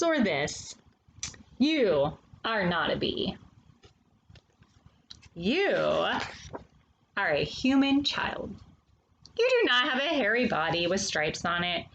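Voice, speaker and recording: A woman hosting a children's storytime reads a nonfiction picture book aloud with brief asides, speaking straight to young kids with questions and pauses. Her voice is higher-pitched and animated, and the rough recording carries some background noise.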